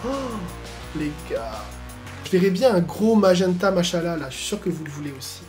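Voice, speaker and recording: Excitable slangy man chatting through makeup. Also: high-pitched, fast talker, over music. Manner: excitable, slangy, bursts into exclamations. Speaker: beauty YouTuber. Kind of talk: casual makeup tutorial chat.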